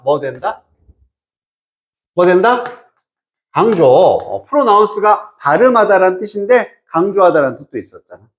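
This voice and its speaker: A man teaching English to students, casually explaining a reading passage and often quizzing them with short questions. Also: high-pitched. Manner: checks understanding with frequent quiz-like questions; mixes English phrases into explanation. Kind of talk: lecture explaining an exam passage.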